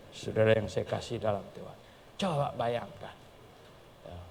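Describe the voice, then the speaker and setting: A male pastor preaching a sermon in an animated, chuckling way, acting out little dialogues. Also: on the low side, unhurried, creaky, big-room sound, slight background noise.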